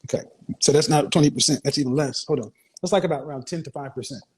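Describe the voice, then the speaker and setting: Fast-talking and slightly rough, this man's voice is a little high with a darkish tone. He runs a call-in advice show, grilling a caller bluntly and frequently cutting in.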